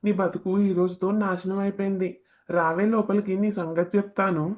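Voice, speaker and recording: Woman doing an angry village husband yelling threats, flat monotone cartoon voice. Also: medium pitch, fairly quick, lightly acted. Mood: menacing. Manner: shouting threats and insults. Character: furious rural husband, young man, threatening. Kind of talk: cartoon drama voicing.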